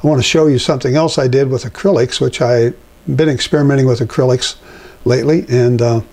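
Older man teaching painting, mellow voice. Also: medium pitch, brisk. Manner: rambling, relaxed, many fillers and restarts. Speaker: painting instructor. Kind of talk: casual painting demonstration. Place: home painting studio at an easel. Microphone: lapel mic.

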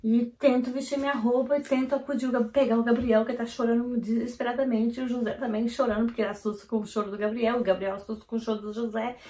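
A woman from Brazil, vlogging at home and telling a family story in a hurried, animated way, full of "então, assim" fillers. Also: on the high side. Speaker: vlogger and mother. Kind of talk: casual storytelling to camera. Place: at home, indoors. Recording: roomy echo of a home room.

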